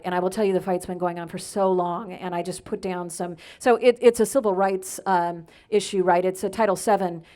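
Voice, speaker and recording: Brisk, lecturing woman panelist. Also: mid-range voice, a little mellow. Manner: brisk, lecturing, cites research and dates. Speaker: panelist, academic. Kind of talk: panel discussion. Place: event panel before an audience.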